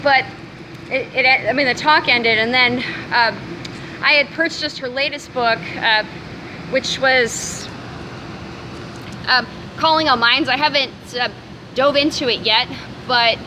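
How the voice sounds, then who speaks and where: A woman's voice: high-pitched, unhurried, noisy background. A woman in her thirties talks casually into a phone held at arm's length outdoors, rambling with fillers and restarts. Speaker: vlogger. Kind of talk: casual selfie vlog. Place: outdoors by city buildings.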